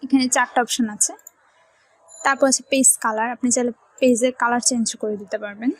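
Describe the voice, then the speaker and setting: A woman's voice: a little high, fairly even intonation, a little fast, dry recording, rough recording. A woman with a Bangladeshi Bengali accent teaching a computer tutorial, explaining each step and often checking that the viewer is following. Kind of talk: screen-recorded software tutorial.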